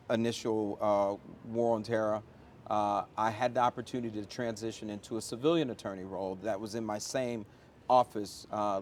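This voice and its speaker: A middle-aged American man speaks in a lowish, slightly mellow voice, and the recording has a little hiss or hum. As an interview guest and airport chief executive, he answers conversationally, emphatically and motivationally, drawing on examples like a storyteller.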